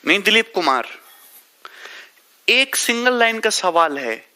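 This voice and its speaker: A man's voice: high-pitched, big pitch swings, takes it slowly, pushed and bright. A male math teacher, leading a live online class, working through sums step by step and teasing students by name.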